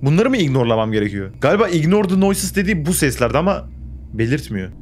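Young man, horror game commentary, lively rising and falling pitch, fairly high voice, faint room noise. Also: quick pace. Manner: jumpy, swears and talks back to the game. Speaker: gaming YouTuber.

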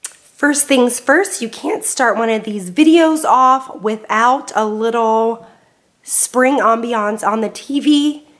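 Filming a relaxed home cleaning and decorating vlog in her living room, this Southern California mom in her thirties is upbeat and chatty, saying "um" often. She takes it slowly, her a-little-high, fairly bright voice slightly off as she recovers from a cold.

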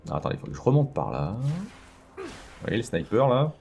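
A man's voice: lowish voice, sing-song, a little fast, creaky, darkish tone, highs cut off, soft background music. A man hosting a let's play, chatting casually and thinking aloud with lots of fillers as he plays. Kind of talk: casual gameplay commentary.

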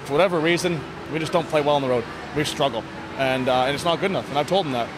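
An ice hockey bench coach in his thirties talks fast and fairly high-pitched during a casual, candid post-game interview, his plain, halting speech doubling back on words. He's recorded on a handheld interview mic inside a sports hall with blue block walls, and the venue's noise and ambience come through clearly.

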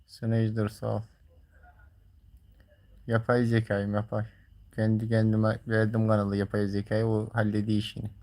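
A man's voice: on the low side, monotone, a little slow, long pauses, a little mellow. A man livestreaming, talking casually and colloquially to viewers in a grumbling, teasing way. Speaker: live streamer.

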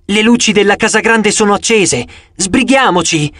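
A man's voice: sits high, normal speed, a bit bright, dry recording, studio quality, pitched above the performer's own voice. A man voicing a young girl huntress, anxious and pleading, in an audiobook. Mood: urgent.

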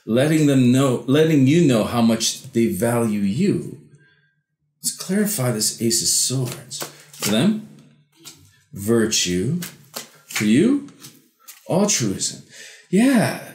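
Slow-paced man giving a mystical tarot reading. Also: medium pitch, very animated, a little mellow, slight background noise. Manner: halting, repeats words and pauses while interpreting cards. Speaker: tarot card reader. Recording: roomy echo.

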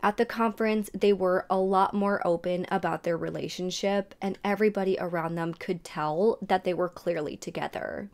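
A woman's voice: medium pitch, a little mellow. A woman hosting a true crime show, recounting a case in a casual storytelling way with personal asides. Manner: conversational, adds personal asides.

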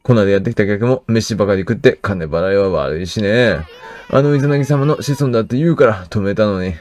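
A man's voice: on the low side, fast talker, darkish tone, natural voice. A man doing a grumpy stingy innkeeper. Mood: grumbling. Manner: complaining, gruff.

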